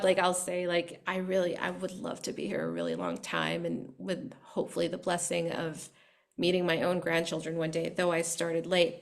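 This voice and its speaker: A woman's voice: on the low side, vocal fry. A young adult woman hosting a podcast, sharing a personal story earnestly and reflectively, with many fillers. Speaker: podcast host. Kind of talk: heartfelt conversation.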